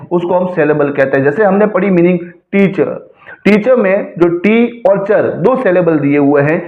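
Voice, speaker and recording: A man with a notably high voice delivers a slide-by-slide lesson, slowing down and repeating example words to show how they sound. The room is echoey and the sound is thin and tinny, like a phone line. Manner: slow, explanatory, repeats words for pronunciation. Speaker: English grammar teacher. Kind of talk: slide-based lecture.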